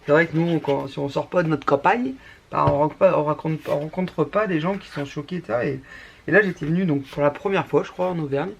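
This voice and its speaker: A woman's voice: sits low, brisk, gravelly, a little mellow, muffled recording, slight background noise. Chatty woman with a northern French accent. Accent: northern French (ch'ti). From northern France. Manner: chatty and rambling, many restarts. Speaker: scrapbooking YouTuber. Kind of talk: casual craft tutorial chat.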